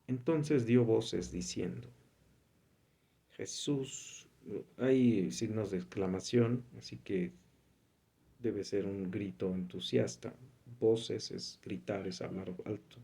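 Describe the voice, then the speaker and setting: Low gravelly man reading scripture. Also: takes it slowly, warm tone. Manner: conversational, reads scripture aloud and comments. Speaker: preacher. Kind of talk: informal Bible teaching.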